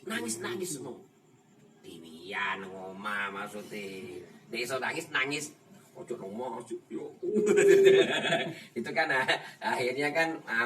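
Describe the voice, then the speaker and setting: A man with a Javanese accent giving an informal religious lesson, acting out dialogue and laughing often. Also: medium pitch. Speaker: ustaz teaching a kitab study. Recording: distant mic with room noise.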